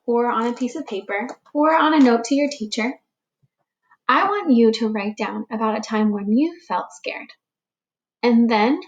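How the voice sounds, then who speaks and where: A woman teacher reading a picture book aloud to young children, slow and expressive, giving the animals little voices. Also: a little high, dull audio. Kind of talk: read-aloud storytime for children.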